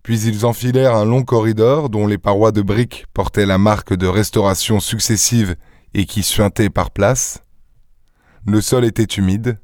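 A male audiobook narrator telling a story in a measured, even way. His voice is smooth and resonant, and the recording is dry and close. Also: fairly low pitch, no echo.

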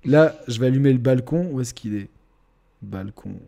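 A young man co-hosting a podcast, telling a crude story in a rambling, animated way with lots of fillers. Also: medium pitch, normal speed, vocal fry. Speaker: podcast co-host. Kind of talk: casual storytelling chat.

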